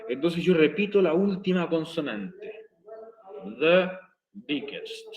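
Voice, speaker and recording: Man teaching slowly in an echoey room. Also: a little high, darkish tone. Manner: slow, repeating explanations step by step. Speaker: English teacher. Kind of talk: recorded video lesson.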